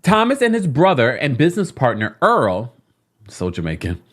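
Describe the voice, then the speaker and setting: A woman's voice: extremely low pitch, wildly swooping pitch, moderate pace. A woman from London reading a news article aloud on a podcast, breaking off with indignant asides. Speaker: podcast co-host.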